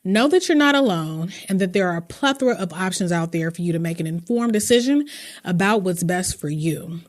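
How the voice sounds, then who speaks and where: A woman's voice: on the low side, expressive, a little fast. A woman hosting a podcast, emotional and heartfelt as she thanks her guest and closes the episode. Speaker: podcast host. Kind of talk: podcast interview and outro.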